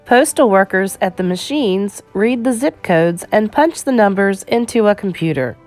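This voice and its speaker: With faint music in the background, a woman reads an educational picture book for children in a measured, clearly phrased storytime style. Her medium-pitched voice is a little mellow, with lively intonation.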